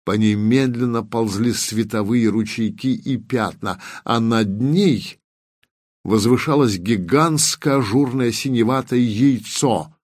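A man narrating a science-fiction audiobook in a measured way, slowing down on descriptive details. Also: mid-range voice, a little mellow, no room sound, studio quality.

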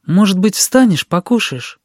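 A man performs a fussy middle-aged aunt who grumbles yet worries kindly, in a coaxing mood. His voice sits on the high side, pitched above his own but close to everyday speech, with lively intonation and a moderate pace. The studio recording is dry and clean.

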